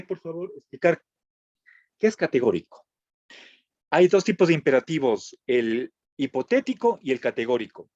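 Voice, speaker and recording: A man teaching a philosophy class, pausing to check in with his students and restarting phrases as he goes. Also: on the high side, darkish tone, dry recording. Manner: checks in with frequent "¿sí?", halting restarts. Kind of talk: classroom lecture. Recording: dull lo-fi dry recording.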